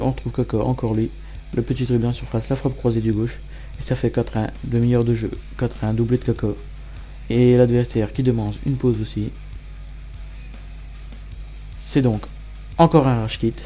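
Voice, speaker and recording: A man giving matter-of-fact play-by-play commentary as a gamer over his own match highlights. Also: flat delivery, moderate pace, mellow, soft background music. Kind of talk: gameplay commentary.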